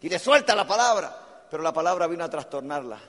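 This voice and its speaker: A man's voice: on the high side, very animated, quick pace, a bit bright. A man preaching a sermon with theatrical storytelling and rhetorical questions to the congregation. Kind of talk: animated sermon. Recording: reverberant church hall, faint music.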